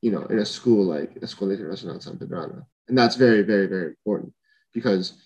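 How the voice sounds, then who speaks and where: Young man from Honduras, podcast guest, low-pitched, reflective, hesitant with fillers. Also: quick pace, darkish tone, dull audio. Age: young adult. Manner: thoughtful, lots of fillers and restarts. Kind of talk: casual conversation.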